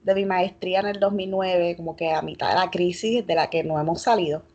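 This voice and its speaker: A woman's voice: on the low side, fairly even intonation, brisk, a little mellow, muffled recording. A woman in her thirties from Puerto Rico with a Puerto Rican Spanish accent, a guest talking reflectively in a casual interview, with lots of fillers and hedging. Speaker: guest, fashion blogger.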